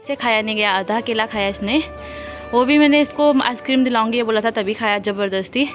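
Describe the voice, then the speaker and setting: A woman's voice: a little high, a little fast, dull audio. Young mother vlogging, music playing behind. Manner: coaxing baby talk to her toddler. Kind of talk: casual family vlog narration.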